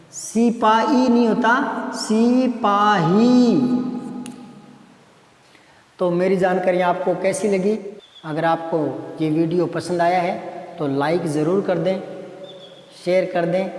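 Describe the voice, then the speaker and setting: A male Hindi teacher giving an exam-prep grammar lesson. He repeats words slowly, stresses each one and talks straight to his viewers. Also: on the high side, fairly even intonation, mellow. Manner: directly addresses viewers, coaxing. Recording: echoey room with long reverb.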